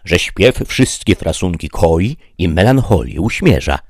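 A man's voice: low voice, sing-song, measured pace, no echo, clean studio sound, exaggerated voice. A man voicing an idealistic, courteous middle-aged knight in a formal, declamatory way. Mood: lofty.

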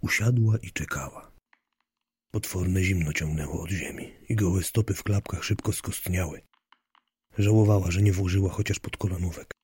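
A man's voice: deep voice, normal speed, warm tone, breathy edge, dry recording. A man narrating a story in a wry, dry storytelling manner. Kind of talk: audiobook narration.

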